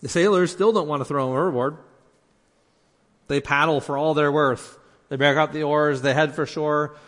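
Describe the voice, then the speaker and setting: A man's voice: on the high side, fairly even intonation, normal speed, fairly bright tone, in a large hall. A man preaching a sermon in an earnest way, acting out the lines he quotes and often restarting his words. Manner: earnest, acts out quoted speech, many restarts.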